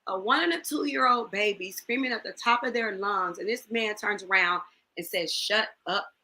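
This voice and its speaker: A woman's voice: medium pitch, moderate pace, bright, forceful tone, low-quality recording. A woman in her forties recounting a personal story as a guest on a talk show, voicing the people in it as she tells it. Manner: storytelling, acts out quoted lines, emotional.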